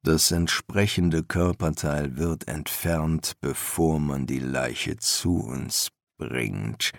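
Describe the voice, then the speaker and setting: A deep, slow, weary old master embalmer with dry, patient, deadpan answers, as a male reader plays him. The voice sinks low and drawls along. It sounds flat and unbothered. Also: gravelly, no echo, heavily acted.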